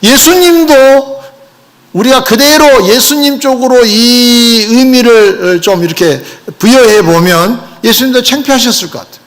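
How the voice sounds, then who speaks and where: A man preaching a sermon as pastor, animated and addressing the congregation with rhetorical questions. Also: very high-pitched, normal speed.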